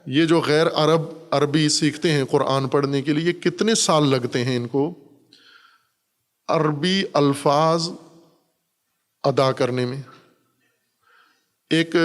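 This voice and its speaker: A man's voice: a little high, in a large hall. A man giving a Quran commentary lesson, explaining patiently with repeated examples. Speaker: Quran teacher. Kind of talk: Urdu Quran commentary lecture.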